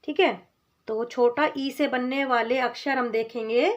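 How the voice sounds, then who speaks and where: A woman gives a children's lesson on vowel signs in a fairly high voice. She moves slowly and patiently. She asks a question, answers it herself, and warmly calls the child "beta". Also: steady tone. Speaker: teacher. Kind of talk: slow children's Hindi lesson.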